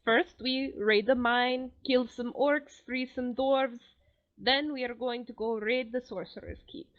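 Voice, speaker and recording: A woman's voice: on the high side, steady tone, measured pace, no room sound, phone-quality sound, natural voice. A woman playing grandiose, paranoid Mendora. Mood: commanding. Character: Mendora, a suspicious woman warrior hounded by squirrels. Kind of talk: in-character tabletop role-play.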